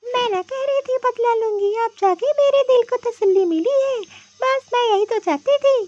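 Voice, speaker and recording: A woman's voice: very high voice, normal speed, a little mellow, lo-fi sound. A woman doing a whiny scheming cartoon sister-in-law. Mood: gloating. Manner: complaining, tattling. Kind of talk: cartoon voice acting.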